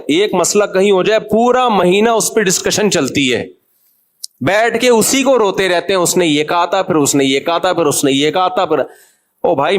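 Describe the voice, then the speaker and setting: A man delivers a light, humorous religious talk. He chats and jokes with his listeners rather than preaching at them. His voice sits fairly high for a man. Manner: chatty and joking, addresses listeners directly. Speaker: Islamic cleric giving a talk. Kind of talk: humorous conversational sermon.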